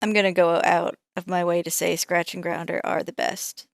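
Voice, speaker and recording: A woman's voice: on the low side, flat delivery, normal speed, vocal fry, dry recording, studio quality. A woman co-hosting a podcast in casual chat, with an easygoing, wry way of talking. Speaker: podcast co-host.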